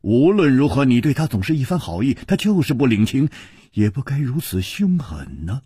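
A male storyteller voicing a dry, sardonic swordsman friend, wry and low-spoken, with a husky voice. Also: big pitch swings, normal speed, warm tone, no echo.

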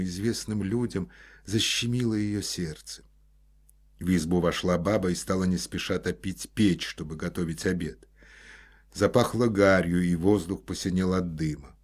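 A man narrating a literary audiobook in a measured, expressive storytelling manner. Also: low-pitched.

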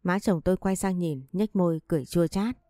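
A woman reading a family drama story aloud in a steady storytelling voice. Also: fairly low pitch, fairly quick, no echo. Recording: dry close voice with faint music behind.

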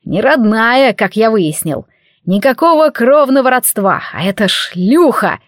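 A woman's voice: a little high, expressive, a little slow, no echo, studio quality. A woman voicing a cruel, vengeful male count who sneers and threatens. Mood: sneering menace. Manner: sneering, menacing.

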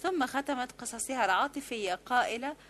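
A woman narrates a literary novel as an audiobook, her voice sitting a little high. She reads in a measured, steady manner, with a faint hum underneath. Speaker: audiobook reader.

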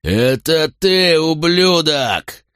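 A man voicing a drunk, hot-tempered Roman centurion who speaks slowly and tearfully. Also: mid-range voice, sing-song, dry recording, studio quality. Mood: raging. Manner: slurred, slow and tearful.

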